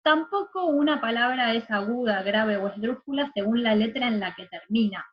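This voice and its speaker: A woman's voice: a little high, normal speed, dull audio. A woman teacher, giving a recorded online lesson, patiently explaining and checking understanding with little tag questions.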